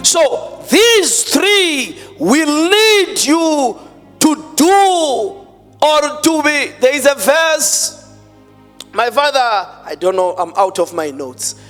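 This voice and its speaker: A pastor preaching into a pulpit microphone, emphatic and drawn out, mixing in Xhosa words. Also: male voice, extremely high pitch, very animated, very slow, fairly bright tone. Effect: speaking into a pulpit microphone. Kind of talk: sermon. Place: church hall. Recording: long hall reverb, faint music behind.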